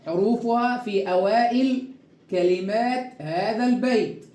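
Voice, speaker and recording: High-voiced Egyptian man teaching recitation. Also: darkish tone, roomy sound. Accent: Egyptian Arabic. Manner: asks and answers his own questions, stretches example words slowly. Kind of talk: tajweed lesson.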